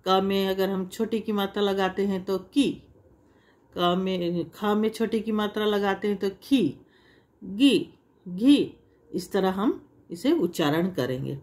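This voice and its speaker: A woman gives a lesson to children at a measured, unhurried pace. She explains patiently, repeating each example. When she demonstrates long sounds, she draws the vowels out. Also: mid-range voice, darkish tone. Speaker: Hindi teacher.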